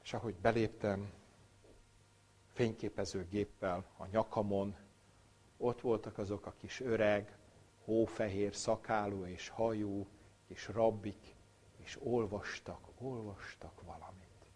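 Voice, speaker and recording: A man giving a Bible lecture with a personal story, dramatic, swinging from loud emphasis to near-whispered recitation. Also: on the low side, steady tone.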